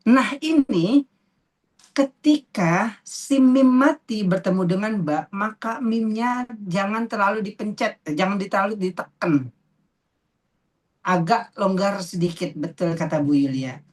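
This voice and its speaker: A woman leads a tajwid lesson at a slow, unhurried pace. She quizzes her students patiently and repeats each term with care. Her voice sits at an ordinary middle pitch. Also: darkish tone. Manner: patient, questioning, repeats terms slowly. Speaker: Quran recitation teacher. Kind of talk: online tajwid class.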